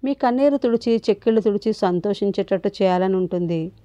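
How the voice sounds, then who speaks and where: A woman's voice: mid-range voice, fairly quick, mellow, no echo, close to an everyday voice. A woman reading the part of a kind, earnest young man, speaking in a comforting way.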